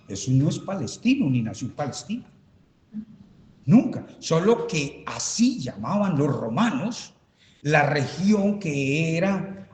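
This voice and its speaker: In a reverberant church hall, a male pastor leads a Bible study, speaking haltingly and with emphasis. He repeats his points while writing them on a board, his mid-range voice a little mellow.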